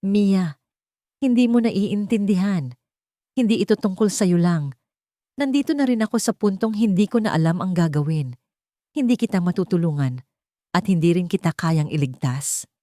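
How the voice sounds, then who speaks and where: A woman's voice: lowish voice, normal speed, pauses often, no echo, clean studio sound, voice pushed up, natural voice. A woman voicing a cold, weary man. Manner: cold, flat delivery. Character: cold, weary adult man ending a relationship.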